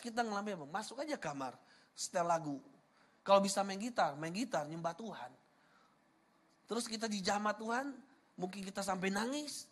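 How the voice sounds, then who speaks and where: A man from Sumatra delivers a sermon in a bright, keen voice. He keeps asking the congregation questions and addresses them directly. He mixes humor and personal stories into an easy, chatty flow. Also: high-pitched. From Sumatra, Indonesia. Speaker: preacher.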